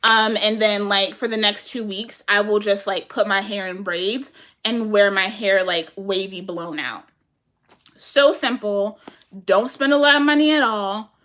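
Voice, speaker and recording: A woman chatting casually with her viewers and answering their comments, animated and laughing often, talking to them as "y'all". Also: medium pitch, unhurried.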